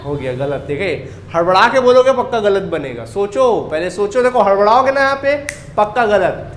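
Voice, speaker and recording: A man's voice: high-pitched, expressive, normal speed, echoey room, slight background noise. A man teaching a commerce class, drilling students with repeated questions and answers. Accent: Chhattisgarhi Hindi. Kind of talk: classroom lecture.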